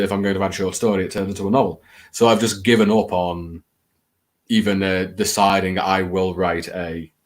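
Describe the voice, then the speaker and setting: A low-voiced man from England with a Scouse accent hosts a late-night livestream, rambling casually through a live chat. He talks hesitantly and mocks himself, adding theatrical flourishes.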